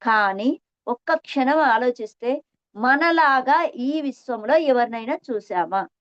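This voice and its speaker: A woman's voice: high-pitched, expressive, slow, fairly bright tone, dry recording. A middle-aged woman sharing her meditation experience in an earnest, reflective spiritual talk, repeating phrases for emphasis. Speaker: meditation testimony speaker. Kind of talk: spiritual talk addressing listeners. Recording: dull dry lo-fi recording.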